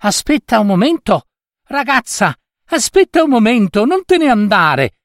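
A man's voice: very high-pitched, very animated, normal speed, no echo, studio quality, voice pushed up. A man voicing a tiny magical woman, kindly but stern, calling out breathlessly. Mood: urgent. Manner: breathless, pleading calls.

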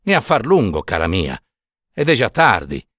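A man's voice: fairly low pitch, huge pitch swings, normal speed, a bit bright, no echo, clean studio sound, full character voice. A man voicing a grumpy old village priest who huffs and talks in an exasperated way, read as part of a story. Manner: exasperated, huffing.

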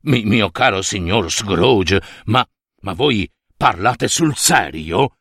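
A man's voice: fairly low pitch, lively intonation, slow, creaky, fairly bright tone, slightly rough, no echo, clean studio sound, pitched below the performer's own voice, heavily acted. A man voicing a kindly middle-aged charity collector, flustered and stammering. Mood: overwhelmed.

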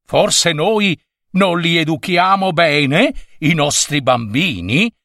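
A man playing a middle-aged professor, talking in a measured, lightly ironic way. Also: fairly high pitch, animated, vocal fry, pushed and bright, no room sound, studio quality, full character voice. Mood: wry. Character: middle-aged male professor, mild and wry.

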